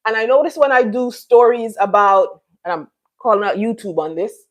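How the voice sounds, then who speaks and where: A woman's voice: a little high, expressive, moderate pace. Chatty middle-aged woman from Jamaica. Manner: chatty, rambling, many restarts and fillers. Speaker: live stream host. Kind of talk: casual live chat.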